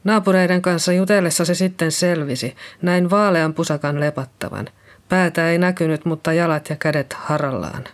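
A reader voicing Liisa, a nervous middle-aged nurse who found a body and speaks in a hesitant, shaky way. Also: female voice, deep voice, steady tone, close to an everyday voice. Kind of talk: audiobook reading.

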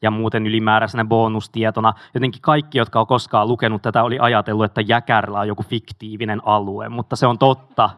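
A man reading a memoir aloud in a steady, measured way, with a few casual asides. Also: fairly low pitch, no echo, studio quality. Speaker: audiobook reader.

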